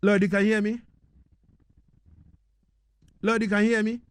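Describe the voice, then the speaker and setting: A man's voice: high-pitched, level tone, measured pace, slight background noise. A male radio host on a remote call whose voice keeps cutting out, speaking in exclamations and repeating his words. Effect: choppy remote connection, voice cutting out. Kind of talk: interviewing a guest over a remote line. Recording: connection cutting in and out, sometimes distant.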